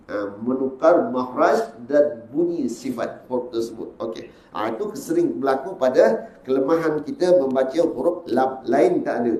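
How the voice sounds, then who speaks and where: A man with a Malaysian Malay accent, a religious teacher giving a Quran recitation lesson. He chants drawn-out verses as examples, then explains them briskly. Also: sits high, a little mellow. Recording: echoey room.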